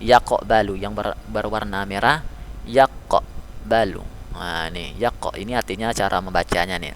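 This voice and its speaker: A man teaching tajweed, repeating letter sounds slowly and patiently, speaking as a father figure to his pupils. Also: deep voice, fairly even intonation, fairly bright tone, slight background noise. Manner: calls listeners "nak", speaks as a father figure. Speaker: Quran recitation teacher. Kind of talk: tajweed lesson.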